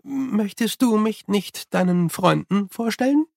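A man doing an eerily calm young clockmaker. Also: high voice, a little slow, vocal fry, no room sound, studio quality, voice pushed up, exaggerated voice.

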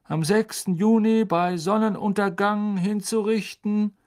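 A man's voice: high-pitched, fairly even intonation, measured pace, darkish tone, soft background music, voice pushed up. A man doing a pompous official reading a decree. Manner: formal, bureaucratic reading.

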